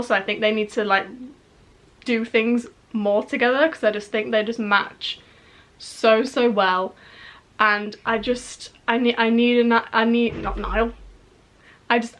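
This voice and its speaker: A woman's voice: fairly high pitch, a bit bright. A woman in her early twenties from the UK, chatting casually to camera as a fan vlogger, gushing, with lots of "like" and restarts.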